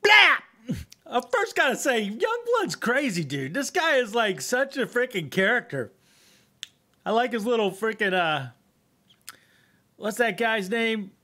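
Older male reaction host: bright, high-pitched, loose and expressive, informal. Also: unhurried. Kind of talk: casual reaction commentary. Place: small home room. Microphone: close microphone on a boom arm.

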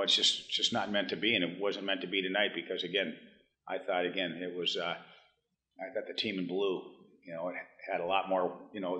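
Brief: man in his 50s, hockey head coach, postgame press room, halting and blunt, bright timbre. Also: deep voice. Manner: halting, restarts often, blunt and frank. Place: press room in front of a team backdrop.

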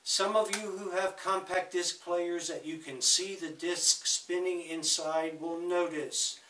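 A man chats to viewers from a room full of audio gear, rambling with joking asides. His voice sits high and sounds bright, and he talks at an unhurried pace. The mic picks him up from a distance, so the room echo comes through. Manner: chatty, joking asides, slow with sudden quick bursts. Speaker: vlogger talking about records and audio gear. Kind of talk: casual rambling talk to camera. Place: home room with audio equipment.

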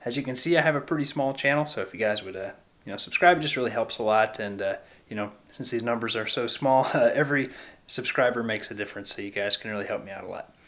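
A man in his thirties casually walking viewers through a bedroom project, relaxed and chatty with many fillers, filmed on a handheld camera in a small carpeted room. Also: medium pitch, fast talker. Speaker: home renovation vlogger. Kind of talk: casual walkthrough talking to camera. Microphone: handheld camera at arm's length.

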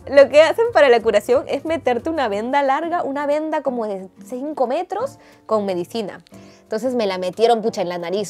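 A woman with a Peruvian Spanish accent, telling a story to camera in a dramatic, animated way with crude slang. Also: medium pitch. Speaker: vlogger.

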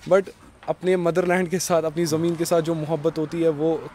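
The speaker is a twenty-one-year-old Kashmiri who owns a restaurant, answering interview questions earnestly in a village courtyard and slipping in English phrases. His slightly high voice has a dark tone and a flat, moderately paced delivery. Slight background noise accompanies the interviewer's handheld mic.

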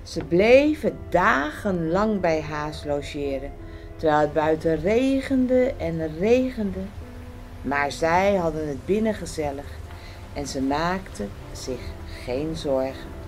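A woman reads a children's story aloud, slowly and expressively, in a fairly low voice. Her delivery is gentle and measured, with soft music playing faintly underneath. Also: animated.

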